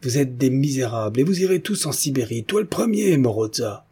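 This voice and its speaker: A man voicing a dignified young widow, proud and defiant before an angry crowd, her voice steady and indignant. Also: on the low side, moderate pace, breathy edge. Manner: trembling with indignation, then steady.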